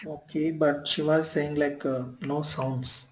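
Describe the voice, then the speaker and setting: A man teaching a live online training session, heard through a screen recording of the call, talking in halting, repeated phrases and often checking if the class follows. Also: fairly high pitch, level tone, echoey room, slight background noise. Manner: halting, repeats himself, often checks "you are clear?". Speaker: software trainer.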